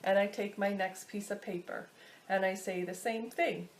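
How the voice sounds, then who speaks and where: A woman casually teaching a step-by-step technique, often pausing to search for her words. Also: mid-range voice, steady tone, slight background noise. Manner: halting, searching for words as she explains. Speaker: instructor teaching a pendulum technique. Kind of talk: casual instructional video talk.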